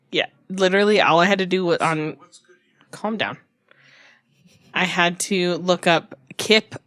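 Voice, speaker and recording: Slow, rambling woman podcast host. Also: on the low side, fairly even intonation, fairly bright tone, no room sound. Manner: rambling, restarts and self-corrections. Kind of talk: casual chat about books.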